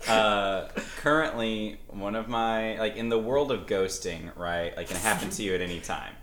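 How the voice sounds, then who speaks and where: A man's voice: on the low side, normal speed, reverberant, heavy background noise. A young man hosting a casual podcast chat, laughing often and rambling through a story. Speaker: podcast host.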